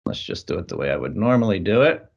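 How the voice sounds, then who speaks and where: A man's voice: sits low, big pitch swings, fast, gravelly, a little mellow, lo-fi sound. A man leading an online team meeting, reading aloud with amused asides and easy chuckles. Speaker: team lead presenting to colleagues. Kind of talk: casual work meeting chat. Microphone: video call.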